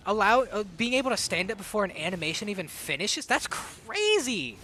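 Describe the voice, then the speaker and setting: Woman streamer doing hype game commentary, sore throat, bright voice, reacts to every play. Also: mid-range voice, slight background noise. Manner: excitable, hyped play-by-play with quick reactions.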